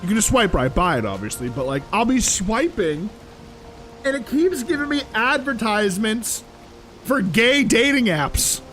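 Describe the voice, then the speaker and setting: A young man live-streaming a video game, chatting casually with his viewers in an animated, exasperated ramble full of fillers. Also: high-pitched, normal speed, soft background music, rough recording. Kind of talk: casual live-stream chat while playing.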